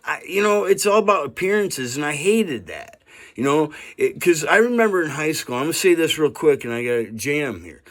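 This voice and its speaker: A man in his fifties talking straight into the camera in a loose, rambling monologue. He sounds earnest, and he keeps checking in with "right?" and "you know". His voice sits a little high for a man. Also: very animated, moderate pace, a bit bright. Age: 50s. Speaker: vlogger.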